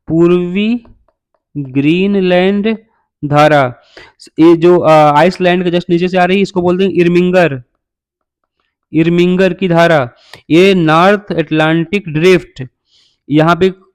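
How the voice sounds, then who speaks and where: A man's voice: high-pitched, dry recording. Man quizzing students through a map. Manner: quizzes listeners and answers himself; repetitive, drills names by number. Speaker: teacher. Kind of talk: geography lesson over a map.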